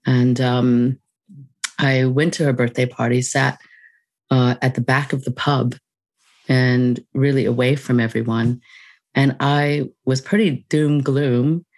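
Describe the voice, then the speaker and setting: An interview guest telling a personal story in a casual, reflective way, with many fillers and soft laughs. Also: mid-range voice, steady tone, slow.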